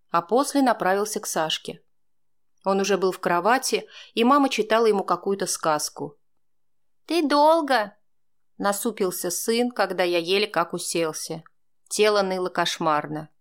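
A woman narrates a first-person audiobook in an even, measured voice of middle pitch. Her reading is steady and unhurried. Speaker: audiobook reader.

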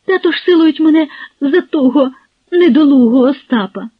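A woman's voice: sits high, expressive, normal speed, pitched above the performer's own voice. A woman doing a frightened young village girl. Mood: distressed. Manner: emotional, pleading. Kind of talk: audiobook character voice. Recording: husky, phone-like, dry.

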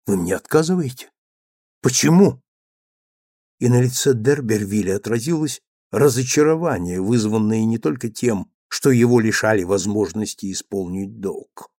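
A man's voice: fairly low pitch, normal speed, few pauses, dark tone, no room sound. Dry-voiced male audiobook narrator. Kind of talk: audiobook reading.

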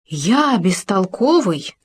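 A woman's voice: on the low side, a little mellow, close to an everyday voice. Woman doing a touchy, grumbling gopher. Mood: indignant. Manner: grumbling, doubtful, quick to take offense. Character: touchy, doubtful young male gopher.

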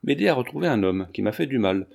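A man voicing a kind, genteel young lady who speaks gently and asks questions, read from a novel. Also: medium pitch, lively intonation, quick pace, gravelly. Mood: gentle.

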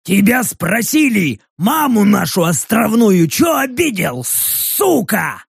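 A man voicing a hot-tempered, hoarse male orc warrior who swears and threatens in an audiobook. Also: high-pitched, big pitch swings, slow pace, no echo, clean studio sound, pitched above the performer's own voice, full character voice. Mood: menacing.

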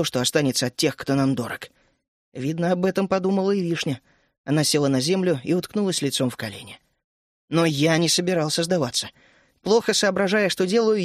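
Male audiobook narrator, high-pitched, steady first-person storytelling, dead-dry booth. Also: dry recording.

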